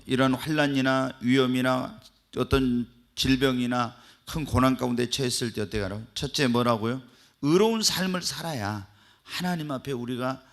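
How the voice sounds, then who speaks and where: A male pastor preaching a sermon, asking the congregation questions and swinging between hushed and loud. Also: medium pitch. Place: church.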